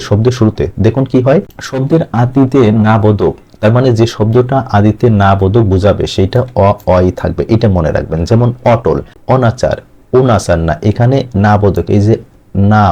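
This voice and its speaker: A man with a Bangladeshi Bengali accent teaching an exam-prep grammar lesson, asking questions and answering them himself and repeating words slowly. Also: fairly low pitch, dark tone, muffled recording.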